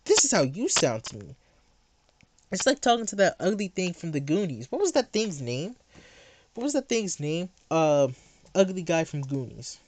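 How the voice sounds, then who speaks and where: A streamer talking late into the night in a heated, sarcastic rant. The delivery jumps between mocking asides and blunt jabs. The pitch sits in a middle range. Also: very animated, normal speed, a little mellow, no echo. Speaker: livestreamer.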